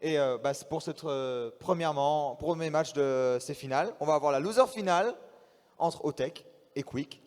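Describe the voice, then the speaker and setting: High-voiced male esports caster in a reverberant hall. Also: moderate pace, darkish tone. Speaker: esports commentator. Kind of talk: esports caster presenting players and results. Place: large convention hall stage. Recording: reverberant event hall, music behind.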